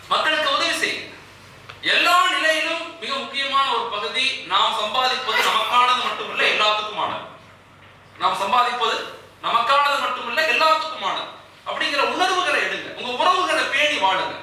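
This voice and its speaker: A man's voice: very high-pitched, animated, normal speed, bright, forceful tone, slight background noise. A man giving a motivational speech to business people, often repeating key phrases and quoting scripture. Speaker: invited speaker, Islamic scholar. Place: event hall. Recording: echoey hall, speaker far from mic.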